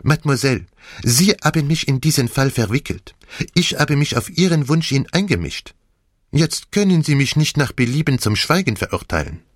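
A man's voice: mid-range voice, animated, normal speed, dry recording, clean studio sound, voice pushed up, close to an everyday voice. A man voicing a fussy, commanding elderly Belgian detective who speaks German with a French accent in a precise, formal way. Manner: precise, formal, lightly theatrical.

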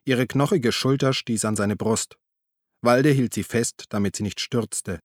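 A man reading a crime novel aloud as narrator, in a calm, even storytelling manner. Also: medium pitch, measured pace, no room sound, studio quality. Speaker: audiobook narrator. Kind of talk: scripted narration.

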